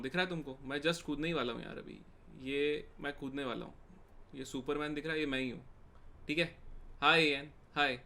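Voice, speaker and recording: A young Indian man with an Indian accent teaches a live online chemistry class in a loud, forceful voice. His tone is slightly high and bright. He chats casually with viewers between points. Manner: chatty and informal, greeting chat viewers while teaching. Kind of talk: live online exam-prep lecture.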